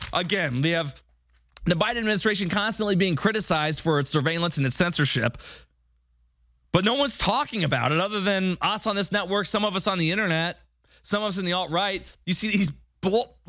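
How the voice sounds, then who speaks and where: A man's voice: high voice, expressive, brisk, fairly bright tone, no echo. An American man hosting a political talk show, delivering an indignant, paranoid-sounding conspiratorial rant with a sarcastic, mocking edge.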